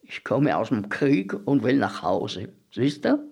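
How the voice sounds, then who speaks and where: A man's voice: mid-range voice, big pitch swings, a little slow, creaky, darkish tone, husky, dull audio, exaggerated voice. A man voicing a weary young soldier returning from war in a story reading.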